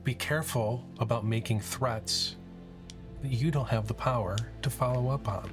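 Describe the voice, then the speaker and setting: A man voicing a calm, aloof woman seer of an inner circle who lectures in a measured way. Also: mid-range voice, lightly acted. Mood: serene. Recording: music playing behind.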